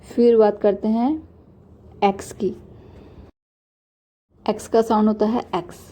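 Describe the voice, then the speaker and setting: Slow, dark-voiced woman teaching phonics. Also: mid-range voice, little pitch movement. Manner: slow, patient, spells out letter sounds with example words. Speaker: English teacher. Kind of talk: slow beginner phonics lesson.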